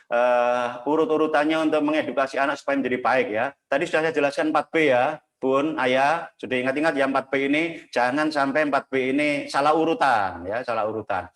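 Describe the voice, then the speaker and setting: A man's voice: mid-range voice, fairly quick, fairly bright tone. A man giving an earnest religious parenting lecture over a video call, repeating and urging his listeners. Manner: earnest, repetitive, urging the audience. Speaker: guest speaker at a parenting talk.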